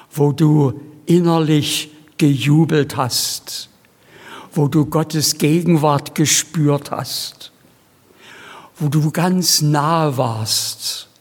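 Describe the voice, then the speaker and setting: A male preacher delivers a sermon at a very slow, deliberate pace, leaning on each phrase. His voice sits a touch higher than most men's and carries a long church reverb behind it. He mixes solemn emphasis with homely, chatty asides to the congregation.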